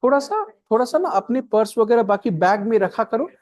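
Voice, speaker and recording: A man's voice: extremely high pitch, expressive, fairly quick. Teacher who keeps asking if he's right. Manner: checks with students again and again, mixing Hindi and English. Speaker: coaching teacher. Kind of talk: classroom lecture on a reasoning puzzle. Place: classroom with students.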